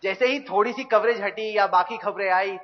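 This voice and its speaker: Brisk male moderator pushing back. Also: high-pitched. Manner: brisk, pushes back on the speaker. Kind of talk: moderating a summit Q&A. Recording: muffled lo-fi recording with faint background noise.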